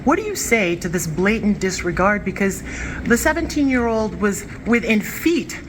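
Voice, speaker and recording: A woman's voice: mid-range voice, very animated, normal speed, background noise. A woman news journalist putting pointed interview questions to an official.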